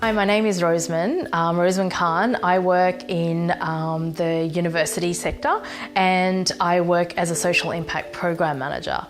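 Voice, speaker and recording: Soft low-voiced woman, hesitant and earnest. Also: fairly even intonation, moderate pace, over music. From Fiji. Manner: hesitant, many ums and restarts. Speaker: social impact program manager. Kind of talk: recorded personal talk from home. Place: home.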